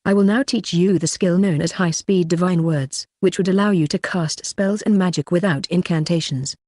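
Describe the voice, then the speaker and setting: A storybook reader voicing a composed, authoritative ancient sorceress who is also a mother, speaking calmly and instructively. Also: medium pitch, moderate pace, no room sound, clean studio sound, natural voice. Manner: calm, instructive.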